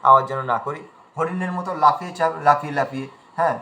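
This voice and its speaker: A man with a high, bright voice leads an online recitation class. He explains patiently in plain talk and chants each verse line slowly and drawn out to demonstrate it. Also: steady tone, a little hiss or hum, low-quality recording. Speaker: recitation teacher.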